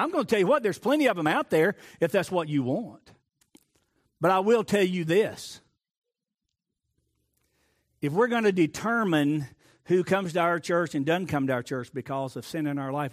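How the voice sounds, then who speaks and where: A middle-aged man preaching a sermon as pastor, swinging from loud emphatic lines to hushed asides and repeating phrases for emphasis. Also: fairly high pitch, lively intonation, normal speed, pauses often.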